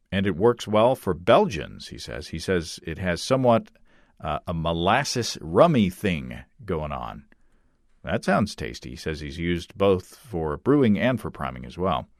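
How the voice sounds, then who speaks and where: A man's voice: low voice, very animated, takes it slowly, no echo, clean studio sound. A man hosting a podcast, reading listener notes aloud in an easygoing, chatty way. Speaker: podcast host.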